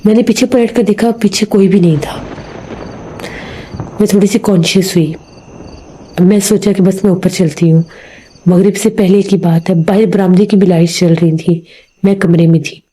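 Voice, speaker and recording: A woman narrates a true horror story in the first person, her voice mellow and warm. She recounts the events calmly, in a conversational way. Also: medium pitch, long pauses, slight background noise, low-quality recording.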